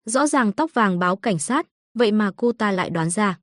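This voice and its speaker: A woman reading a story aloud as narrator, voicing all the characters in a mostly even narrating voice. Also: mid-range voice, normal speed, no room sound, studio quality. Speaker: audiobook narrator.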